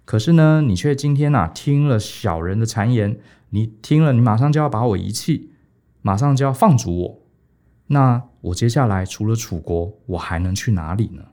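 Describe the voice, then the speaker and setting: A clever minister keeps his cool and argues his case point by point, voiced by a man telling a story. The voice is warm and lowish, and the pitch is lively. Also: moderate pace, lightly acted. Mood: composed. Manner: composed, persuasive reasoning. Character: calm, clever male minister defending himself.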